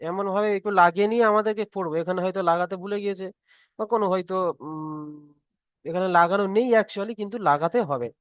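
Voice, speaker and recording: A man leads an online reading lesson, patiently repeating each point and asking whether everyone has understood. His voice sits high and sounds clear. The sound is dry and close to the mic. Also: quick pace, no echo, lo-fi sound. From Bengal. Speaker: Quran reading teacher. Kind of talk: online tutoring class.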